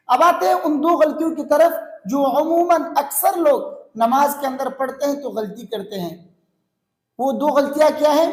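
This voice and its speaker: High-voiced man teaching recitation, echoey room. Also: a little mellow. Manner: patient, repeats phrases slowly and deliberately. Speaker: religious teacher. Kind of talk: recitation lesson.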